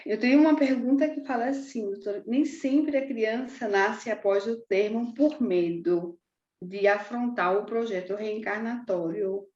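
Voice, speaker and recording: A woman's voice: fairly high pitch, measured pace, darkish tone. A woman with a Brazilian Portuguese accent moderating a podcast, asking questions hesitantly and correcting herself as she goes. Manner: hesitant, self-correcting questions with many restarts. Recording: roomy, dull lo-fi recording.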